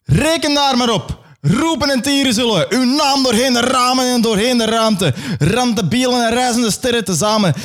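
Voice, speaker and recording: A man voicing an ecstatic, worshipping crowd that chants praise in a high, theatrical voice. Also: expressive, normal speed, fairly bright tone. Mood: exalted.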